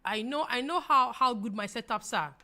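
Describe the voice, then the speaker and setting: This livestream trading host is a young adult Ghanaian woman whose voice sits on the high side, pushed and bright, at normal speed. In her Ghanaian accent she answers viewers chattily and emphatically, repeating phrases and laughing easily.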